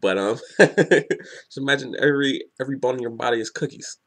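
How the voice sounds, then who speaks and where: A man giving a casual spoken review of a comic chapter, excitable and rambling, often restarting his sentences. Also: medium pitch, brisk. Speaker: manga reviewer.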